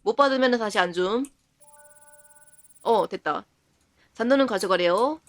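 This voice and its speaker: A woman's voice: mid-range voice, faint music behind. A woman streamer giving live commentary on a game, chatting to herself and laughing often. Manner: reacts to the game with quick surprised remarks.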